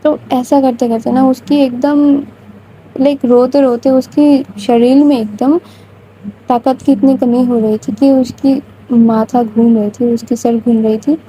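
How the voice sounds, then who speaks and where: A woman's voice: high voice, fairly even intonation, mellow, a little hiss or hum, poor audio. A woman casually retelling a love story in a chatty, informal way. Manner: chatty, informal, frequent English fillers.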